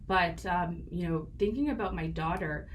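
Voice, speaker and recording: A woman's voice: fairly low pitch, normal speed, slight background noise. A woman, a guest talking earnestly and reflectively in a casual podcast interview. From Canada. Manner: earnest, reflective, with frequent fillers.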